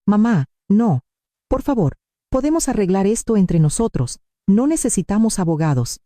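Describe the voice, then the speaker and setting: A woman's voice: mid-range voice, sing-song, normal speed, warm tone, no echo, clean studio sound, natural voice. A woman voicing a manipulative adult son in a spoken story, her own voice barely changed. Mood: pleading. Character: manipulative grown son, a man cornered.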